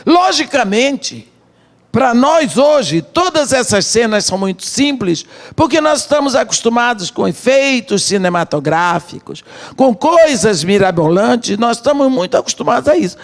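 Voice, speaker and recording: A middle-aged woman with a Brazilian Portuguese accent preaches a missionary sermon in a slightly high, sing-song voice. She tells the story dramatically in short, measured phrases.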